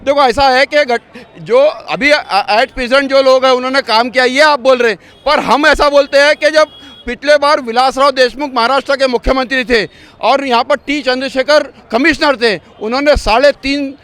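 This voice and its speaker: A man's voice: very high voice, moderate pace, a bit bright, smooth. A man being interviewed on a city street, arguing his political case and firing off rhetorical questions. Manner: argumentative, piles up rhetorical questions. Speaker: local voter interviewed on the street.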